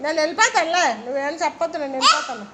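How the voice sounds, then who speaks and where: A woman's voice: very high-pitched, very animated, rapid-fire. A woman playing a mother in a family quarrel skit, scolding and repeating herself, recorded at home. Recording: loud background noise.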